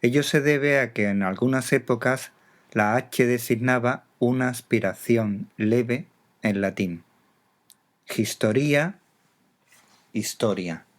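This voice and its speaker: A man giving scripted instructional narration, carefully enunciating each example word. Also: medium pitch. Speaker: teacher.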